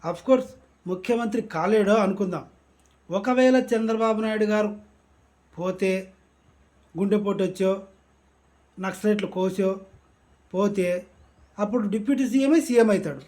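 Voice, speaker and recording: Man, high-pitched voice, sarcastic political commentary, mocking rant, from Andhra Pradesh. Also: normal speed, long pauses, darkish tone.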